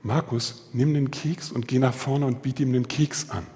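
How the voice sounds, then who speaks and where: Male preacher, mid pitch, casual anecdotal sermon, long church-hall reverb. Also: fairly even intonation, normal speed, background noise. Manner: storytelling, acting out quoted voices.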